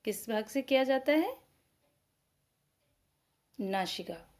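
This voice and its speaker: Slow, patient woman teaching children. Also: a little high, lively intonation, darkish tone, slight background noise. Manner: asks questions and answers them herself; slow, spelled-out pronunciation. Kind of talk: school lesson for children.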